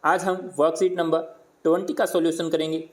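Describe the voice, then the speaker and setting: A man teaching primary pupils, slowly repeating words and sounding them out, asking questions and answering them himself. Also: on the high side, flat delivery. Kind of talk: worksheet lesson for primary pupils.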